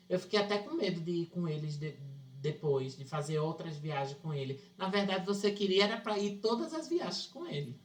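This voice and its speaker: A man teaching psychoanalysis to a class, explaining ideas through a case from his practice and often checking that his listeners follow. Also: high-pitched. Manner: explanatory, checks understanding with questions. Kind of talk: teaching with a clinical anecdote.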